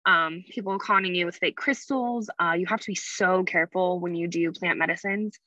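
A woman's voice: on the low side, moderate pace, bright, forceful tone, dry recording, poor audio. Candid podcast host woman, slightly slurred. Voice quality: slightly slurred S sounds from retainers. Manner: candid, rambling, frequent fillers and asides. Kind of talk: casual solo podcast chat.

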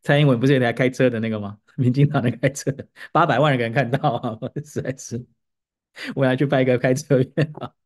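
A male teacher hosts a casual talk show, recounting a classroom moment with growing excitement. He sounds out simple English words to show how intonation shifts, and his voice climbs as the story builds. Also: a little fast. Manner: animated storytelling, pitch rising as he gets excited; demonstrates English word intonation aloud. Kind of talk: casual podcast monologue.

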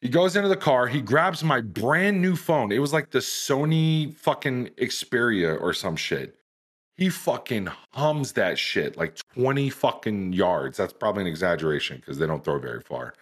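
A young American man telling a profane, animated story to friends on a podcast. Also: mid-range voice, moderate pace. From United States. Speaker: podcast host. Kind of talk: casual storytelling among friends.

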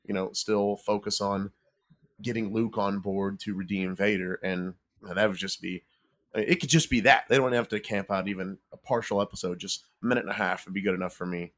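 A man with a fairly low voice co-hosting a casual podcast. He gets animated and excitable as he talks, pushing his energy up as he builds to his point. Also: a little fast. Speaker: podcast co-host. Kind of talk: casual discussion.

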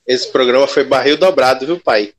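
A man's voice: mid-range voice, moderate pace. A man giving colloquial, emphatic sports commentary as a podcast panelist.

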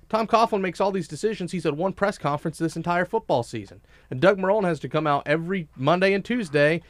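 A man co-hosting a sports talk show, arguing his opinions emphatically with quick restarts. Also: a little high, no echo.

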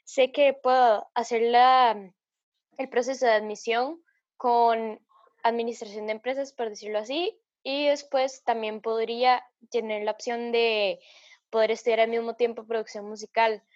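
A woman's voice: on the high side, steady tone, measured pace, no room sound. A teenage girl, a student guest talking reflectively and hesitantly in a casual podcast conversation. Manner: reflective, hesitant, many fillers like "como" and "entonces". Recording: dull lo-fi dry sound.

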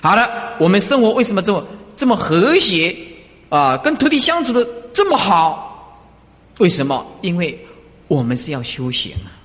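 A man giving a casual dharma talk as a Buddhist master, conversational and animated, often asking his listeners rhetorical questions. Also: sits high, normal speed. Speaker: Buddhist master teaching disciples. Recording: reverberant hall.

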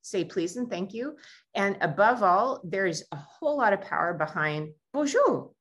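A woman's voice: mid-range voice, moderate pace. An American woman who hosts a travel talk show, telling a story and acting out the voices in it. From United States. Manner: animated, acts out quoted voices. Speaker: travel show host and tour guide. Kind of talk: casual conversational storytelling.

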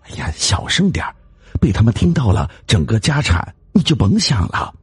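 A man's voice: wildly swooping pitch, normal speed, gravelly, a little mellow, breathy edge, no echo, faint music behind, heavily acted. A man voicing a greedy, scheming wife who bosses and scolds her timid husband. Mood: hushed coaxing. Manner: scolding, bossy, shrill. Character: scheming greedy wife, woman, sharp-tongued.

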